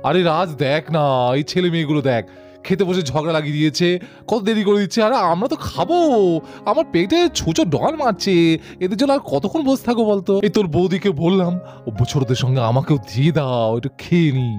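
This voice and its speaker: A woman's voice: fairly low pitch, animated, quick pace, darkish tone, faint music behind, voice pushed down, natural voice. A woman voicing a greedy, always-hungry grown brother doll in a doll cartoon, whiny and joking.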